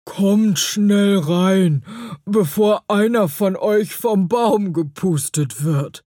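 Woman doing a slow, humming stag beetle. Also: medium pitch, lively intonation, mellow, no echo, clean studio sound. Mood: kindly. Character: big kindly male stag beetle.

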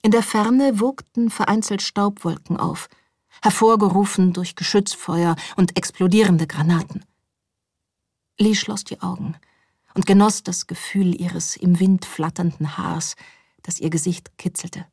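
A woman narrates an audiobook calmly and with measure, often sinking to a soft hush. Her voice is husky. The recording is dry and close. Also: fairly low pitch, no room sound. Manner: calm, measured, often hushed.

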